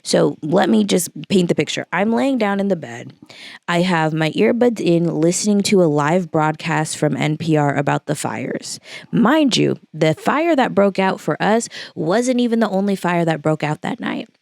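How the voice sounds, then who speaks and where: A young woman in her late twenties from the Los Angeles area tells a story in a casual vlog. Her voice sits low with a gravelly edge, and the close recording is dry. She talks loosely, with plenty of fillers and acted-out bits of dialogue. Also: expressive, normal speed, a little mellow, dry recording. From Los Angeles area, California. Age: late 20s. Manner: casual, filler-heavy retelling with quoted dialogue. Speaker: vlogger.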